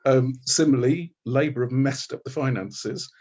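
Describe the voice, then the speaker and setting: Husky man arguing a point. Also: medium pitch, normal speed, a little mellow, lo-fi sound. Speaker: Green Party candidate. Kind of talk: debate answer.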